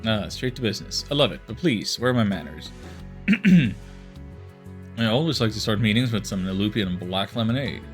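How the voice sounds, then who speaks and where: Man voicing a flattering mayor, genteel, theatrical, fairly low voice. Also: normal speed, soft background music, natural voice. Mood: charming. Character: smooth, flattering male city mayor.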